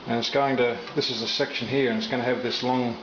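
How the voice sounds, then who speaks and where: The speaker is a middle-aged man renovating a kitchen, who explains his tiling in a relaxed, stop-start manner with frequent fillers. His medium-pitched voice stays fairly even, and the off-camera camera mic captures roomy, dull audio with a little noise.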